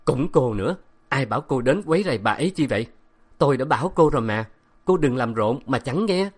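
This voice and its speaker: A man voicing a gruff, stern middle-aged professor who is tender with his wife but curt with others. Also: mid-range voice, lively intonation, moderate pace, a little mellow, lightly acted. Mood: scolding.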